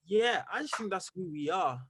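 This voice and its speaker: A young man from Zimbabwe, a musician answering interview questions in an energetic, rambling way full of fillers. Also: high voice, normal speed, slightly rough. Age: young adult. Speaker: musician guest.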